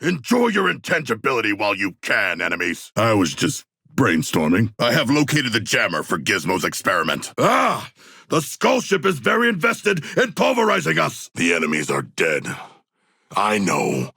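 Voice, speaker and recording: A man voicing King Shark, a hulking, proud, literal-minded shark-man in a video game, with a deep gravelly voice and stilted, grandiose formal diction. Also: wildly swooping pitch, normal speed, sharp tone, dry recording, clean studio sound, heavily acted. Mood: fierce. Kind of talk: video game character voice lines.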